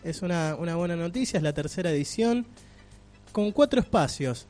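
A man with an Argentine accent co-hosting a community radio show, reading out event news in an animated, casual way. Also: a little high, normal speed, soft background music. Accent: Argentine Spanish. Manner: animated, lists news items with rising emphasis. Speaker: radio co-host.

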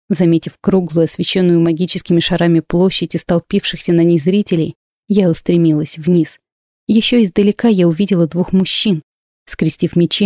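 A woman narrating a first-person fantasy audiobook in a steady, expressive storytelling manner. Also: lowish voice, no echo, studio quality.

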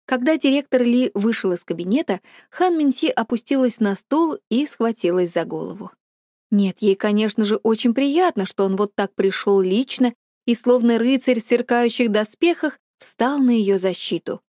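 Woman audiobook narrator, a touch high, steady scripted reading, dry booth sound. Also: moderate pace, no echo.

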